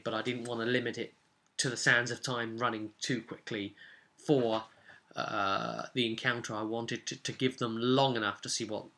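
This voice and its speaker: Recapping a tabletop game he ran, this video host and game master speaks in a mid-range voice, rambling casually. His delivery is animated, full of emphatic repetition and rhetorical asides.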